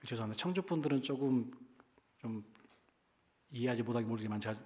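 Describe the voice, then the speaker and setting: In a church, a male pastor from Korea's Jeolla region preaches with a Jeolla accent at an ordinary middle pitch, animated, a little fast, and darkish in tone. He addresses the congregation conversationally, frequently posing rhetorical questions to them.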